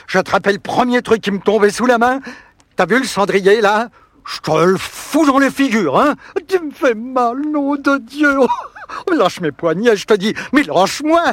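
A whiny, fretful husband voiced by a man nags his wife, then panics and begs her. The voice sits high and sounds close and dry, with no room around it. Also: a bit bright, dry recording. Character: timid henpecked husband, scolding then begging his wife. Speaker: recorded performer of a spoken song piece. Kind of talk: theatrical spoken monologue on record.

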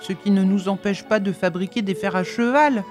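A woman's voice: mid-range voice, normal speed, darkish tone, faint music behind, close to an everyday voice. A woman reading an eager, impatient young male apprentice in a pleading, protesting storybook voice.

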